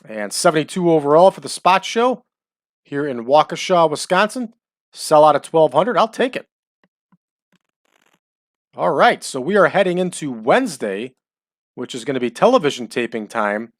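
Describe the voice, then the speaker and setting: A man's voice: fairly high pitch, expressive, normal speed, pauses often, no echo, studio quality. A man in his forties giving chatty, rambling commentary while playing a wrestling management game. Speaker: let's-play host.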